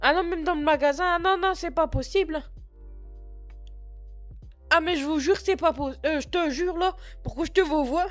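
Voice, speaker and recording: A man puts on a scatterbrained sixty-year-old shop clerk who swears freely and sniffles between rambling sentences. The voice sits high, with a put-on Picard and Norman patois accent. It is flustered and self-mocking, spoken into a computer mic at home. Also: fairly even intonation, moderate pace, pauses often, faint music behind. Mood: excited. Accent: put-on Picard and Norman patois mix. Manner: chatty, flustered, self-mocking asides to chat. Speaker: streamer doing roleplay. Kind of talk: live-streamed game roleplay.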